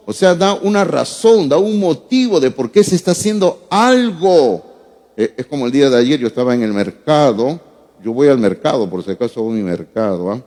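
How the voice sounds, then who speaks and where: A man's voice: a little high, darkish tone, big-room sound. A man, a pastor, preaching a sermon with rhetorical questions and everyday anecdotes. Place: church.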